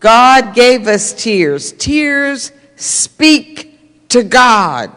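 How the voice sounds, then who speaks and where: A woman's voice: fairly high pitch, very animated, extremely slow, fairly bright tone. Older woman minister, earnest and conversational, church hall reverb. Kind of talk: sermon-style talk to a congregation. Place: church sanctuary.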